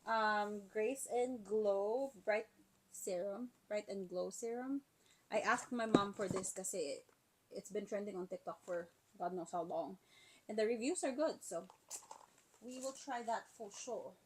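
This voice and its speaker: A 27-year-old woman, casually unboxing gifts on a tablet mic, excitable and mixing Tagalog into her English while getting over a sore throat. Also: mid-range voice, a little slow. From Philippines. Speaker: vlogger. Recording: crinkling packaging noise close by.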